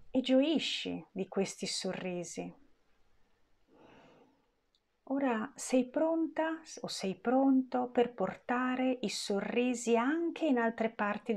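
A woman leading a guided meditation in a gentle, soothing voice with long pauses. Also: mid-range voice, gravelly.

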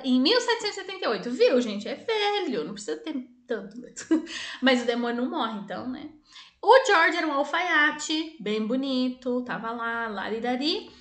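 A woman co-hosting a casual podcast, telling eerie stories in an animated way, laughing often and slipping into voices for the people in them. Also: high-pitched, reverberant. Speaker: podcast co-host. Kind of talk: casual storytelling chat.

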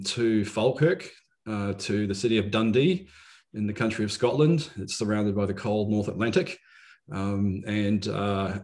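A man in his fifties with a New Zealand accent, talking reflectively about himself in a measured, halting way with frequent pauses. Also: lowish voice, a little mellow. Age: 50s. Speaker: podcast guest. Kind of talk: reflective conversational self-introduction.

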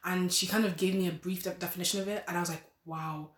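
A woman's voice: on the low side, fairly even intonation, fast talker. An eighteen-year-old woman, a nursing student, speaking as a podcast guest in a rambling, casual way with many restarts. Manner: rambling, restarts, soft laughs. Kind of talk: casual interview chat. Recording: roomy echo.

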